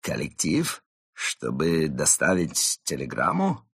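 A man's voice: very deep voice, huge pitch swings, takes it slowly, creaky, a bit bright, breathy edge, no room sound, studio quality, voice pushed down, heavily acted. A man voicing a timid male raccoon archaeologist who sounds anxious and indignant. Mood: wary.

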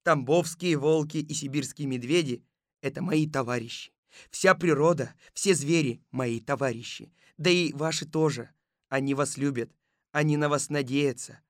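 A man's voice: fairly high pitch, moderate pace, dry recording, clean studio sound, natural voice. A man voicing an earnest male detective chief who makes rousing speeches. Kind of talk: audiobook reading.

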